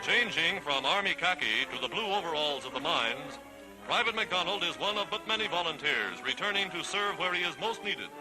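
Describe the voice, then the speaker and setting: Old 1940s newsreel guy, pretty high voice, dramatic scripted announcing, big loud music behind him. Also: animated, normal speed, low-quality recording. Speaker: newsreel narrator.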